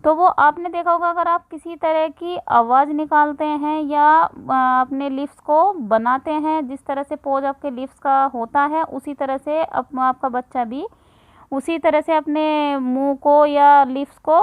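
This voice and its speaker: A woman in her thirties, a mother giving parenting tips in a casual instructional talk, conversational, with frequent filler pauses. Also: sits high, dry recording, poor audio.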